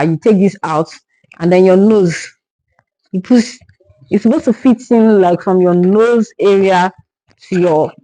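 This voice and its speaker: A young woman from Nigeria talks to camera about things she bought, frustrated and tripping over repeated words. Her voice sits in a middle pitch. The sound is close and dry, with no room around it. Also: dark tone, no echo, rough recording. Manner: exasperated, repeats words when upset. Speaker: vlogger. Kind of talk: casual haul review to camera.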